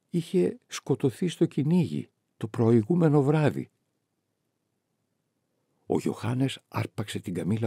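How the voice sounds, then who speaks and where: A male audiobook narrator who reads with expressive, storytelling delivery. His voice is dark and husky, moving lively through its pitch range. The recording is close and dry. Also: dry recording. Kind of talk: scripted narration.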